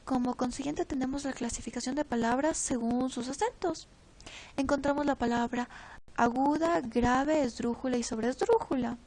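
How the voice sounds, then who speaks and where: A teenage girl reading a class presentation from notes, pausing and stumbling over words now and then. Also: high-pitched, darkish tone, poor audio. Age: teens. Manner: reads from notes with pauses and slips. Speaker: student presenter.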